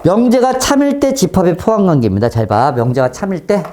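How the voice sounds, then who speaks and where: A man teaching a math class, often stopping to check that students follow and switching between polite and blunt speech, with sudden loud exclamations. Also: sits high, lively intonation, fairly quick, a little hiss or hum.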